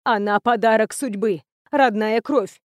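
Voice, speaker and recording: A commanding matriarch of a professor, curt and sure of herself, as a woman reads her. She speaks slowly and firmly in a fairly high voice. The sound is dry and close. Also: no room sound, natural voice. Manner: brisk, authoritative, curt.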